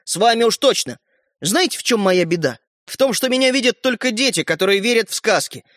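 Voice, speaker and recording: A man's voice: high voice, lively intonation, fairly quick, a bit bright, dry recording, studio quality, pitched above the performer's own voice. A man voicing a tiny, proud and grumpy fairy-tale boy hero who snaps and boasts. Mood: grumbling. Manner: snappy, indignant, boastful.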